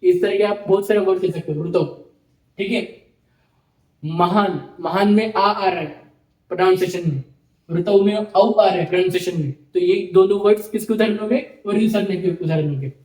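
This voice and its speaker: High-pitched male teacher, roomy echo. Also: moderate pace, a little mellow. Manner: explains step by step, repeats terms, checks in with "ठीक है". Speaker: Sanskrit teacher. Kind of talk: online lecture.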